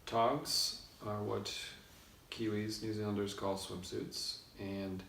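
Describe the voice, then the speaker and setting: Guy hosting a homemade vlog, really slow talker, bit far from the mic, echoey. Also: on the low side, level tone, creaky, fairly bright tone. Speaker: co-host of a couple's video blog. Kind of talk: casual video blog chat. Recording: echoey room, distant mic, faint noise.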